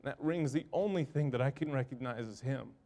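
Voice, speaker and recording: An earnest man tells a personal story from his emergency room work at a middle pitch. He speaks in a halting way and repeats short phrases in a plain, level voice. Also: dark tone. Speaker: emergency room medical worker.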